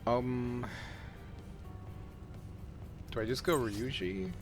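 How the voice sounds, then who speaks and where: A man talks through a game in a casual, meandering way at a middling pitch. He is self-deprecating and unpolished, like someone chatting to viewers while playing. Game music plays clearly behind his voice, along with mouse clicks. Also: lively intonation, drawn-out words. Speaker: gaming video creator. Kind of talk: casual gameplay commentary.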